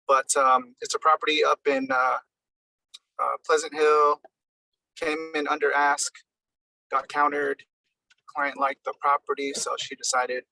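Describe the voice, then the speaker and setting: A man giving a quick real estate update on a speakerphone while driving, in short clipped phrases. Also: on the high side, vocal fry, sharp tone, far from the mic, low-quality recording. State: driving, talking over car speakerphone. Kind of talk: casual team meeting update.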